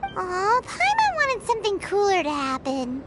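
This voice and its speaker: A woman voicing a tiny, childlike fairy companion in an anime-style video game, cutesy and squeaky. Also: wildly swooping pitch, measured pace, heavy background noise, exaggerated voice. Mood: let down. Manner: cutesy, refers to self in third person.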